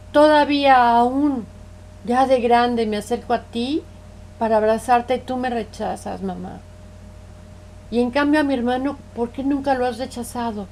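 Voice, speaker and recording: Woman playing a hurt middle-aged daughter confronting her parents; pleading, reproachful, voice sits a bit high. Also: darkish tone, slight background noise, lightly acted. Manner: pleading, reproachful, repeats "mamá".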